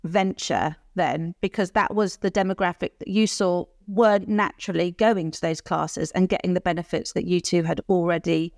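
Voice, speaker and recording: A woman's voice: on the low side, steady tone, moderate pace, creaky, hardly any pauses, no echo. Dry-sounding woman interviewer. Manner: warmly impressed, apologises for interrupting. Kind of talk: interview hosting.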